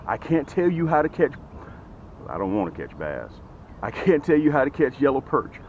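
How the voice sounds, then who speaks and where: A middle-aged tackle seller vlogs outdoors by a lake, pitching his fishing gear with energy straight into a camera near his face. At a moderate pace he gestures animatedly and leans on "okay?" and "guys" again and again. The sound is narrow and tinny, with a little hiss or hum.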